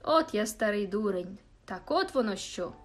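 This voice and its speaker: A woman voicing a bitter, wry older male church musician who speaks slowly in a sardonic, mournful way. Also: medium pitch, lively intonation, close to an everyday voice.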